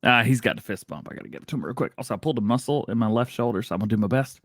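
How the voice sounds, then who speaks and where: A man's voice: mid-range voice, racing, fairly bright tone, no room sound, clean studio sound. A man hosting a livestream, chatting casually and laughing often, with playful sound effects. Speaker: livestream show host.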